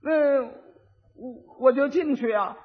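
A man's voice: extremely high pitch, takes it slowly, voice pushed up. A man voicing a dim-witted young rich husband who stutters and repeats his words, on a dull old recording with long reverb. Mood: bewildered.

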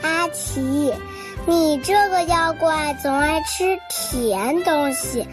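A woman voicing a caring, sensible little girl who gently coaxes her friend, over children's music. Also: sits high, slow pace. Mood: coaxing.

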